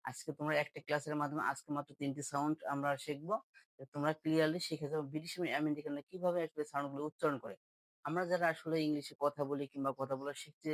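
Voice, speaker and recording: A man's voice: fairly high pitch, no echo, poor audio. A man, teaching English pronunciation in an online lesson and drilling words for viewers to repeat after him.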